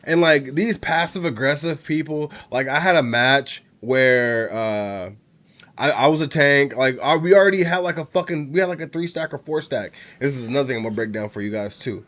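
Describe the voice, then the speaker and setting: A man's voice: medium pitch, animated, moderate pace, a bit bright. A young man with a cold and a congested voice, ranting casually about gaming in a profane, rambling, heated way. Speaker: gaming channel host. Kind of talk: casual rant to camera.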